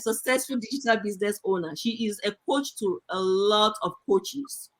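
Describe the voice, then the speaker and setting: A woman's voice: mid-range voice, fairly bright tone. A woman co-hosting a podcast, introducing a guest in an upbeat way. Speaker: podcast co-host.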